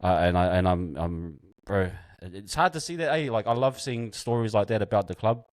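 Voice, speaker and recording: Low-voiced New host man. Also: a little fast, dry recording, clean studio sound. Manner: relaxed, thoughtful, hesitant, restarts often. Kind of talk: casual chat.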